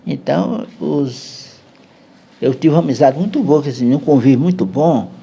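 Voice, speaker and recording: A Brazilian man tells a personal story at an unhurried pace as a podcast guest. His voice is gravelly and husky. His pitch moves in lively swings. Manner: unhurried, tags lines with "né". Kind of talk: casual storytelling chat.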